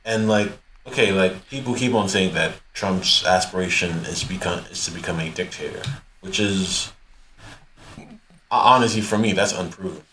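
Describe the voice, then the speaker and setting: A man co-hosting a podcast, talking politics in a measured, hesitant way full of fillers. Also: deep voice, sharp tone. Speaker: podcast co-host. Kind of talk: casual political talk. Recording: echoey room with faint noise.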